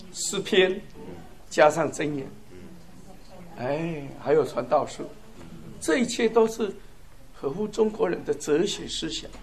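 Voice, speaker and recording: Male preacher, slightly high voice, fervent and chuckling, punchy emphatic lists. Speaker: church speaker. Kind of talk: sermon testimony.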